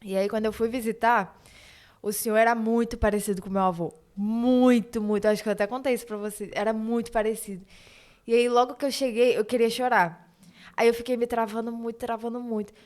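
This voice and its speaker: Animated Brazilian woman telling a story. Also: a little high, a little fast. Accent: Brazilian Portuguese. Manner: animated storyteller, quotes others in dialogue. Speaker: guest, eyebrow studio owner. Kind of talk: casual podcast chat.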